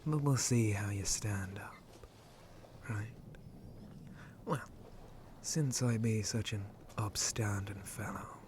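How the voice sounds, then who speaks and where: Against a noisy background, a man voices a roguish, flirtatious shark-man pirate captain for an ASMR roleplay directed at the listener. His delivery is breathy and frequently whispered, full of slow, teasing, drawling put-on pirate talk punctuated by low chuckles.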